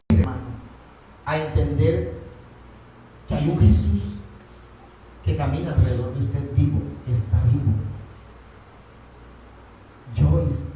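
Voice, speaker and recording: Pastor preaching in echoey hall. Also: male voice, on the high side, darkish tone, a little hiss or hum. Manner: asks the congregation rhetorical questions. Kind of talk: sermon. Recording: echoey church hall from far off.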